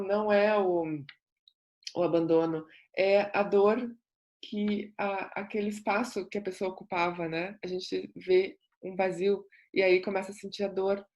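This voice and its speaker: Earnest woman sharing testimony. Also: mid-range voice. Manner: earnest, reflective, repetitive emphasis. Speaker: self-development coach. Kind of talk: personal testimony monologue.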